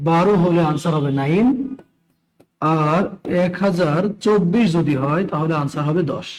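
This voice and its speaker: In this rough recording, a weary-sounding man with a Bangladeshi Bengali accent runs a live online math lesson, going over steps again and testing his students. He greets people in the chat by name, speaking slowly in a strained voice that sits high with a darkish tone.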